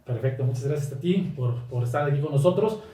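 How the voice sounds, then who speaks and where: A man's voice: medium pitch, expressive, fairly quick, warm tone. A man hosting a podcast, welcoming his guest and asking questions in a friendly, chatty way with hesitant phrasing. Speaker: podcast host. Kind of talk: casual interview. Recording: very echoey, distant, noisy room.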